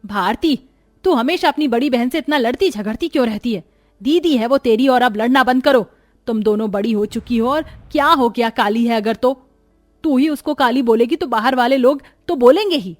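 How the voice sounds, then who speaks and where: A woman voicing a tired middle-aged mother in a storybook, softly scolding her daughters. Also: on the high side, moderate pace, faint music behind, close to an everyday voice. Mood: weary. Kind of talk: storybook voice acting.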